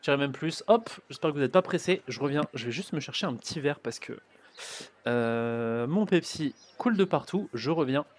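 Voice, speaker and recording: Streaming a video game, a man offers casual, chatty commentary, muttering and swearing as he plays. His voice sits on the high side, expressive and at a moderate pace.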